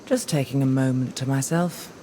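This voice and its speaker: A woman's voice: a bass voice, moderate pace, warm tone, slight background noise. An actress playing a reserved, dry-witted young woman who speaks in a guarded way. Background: game music.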